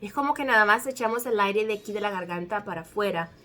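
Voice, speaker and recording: A woman's voice: medium pitch, sharp tone. A woman whose first language is Spanish, teaching English letter sounds and carefully spelling out each word. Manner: slow, careful, drawn-out spelling.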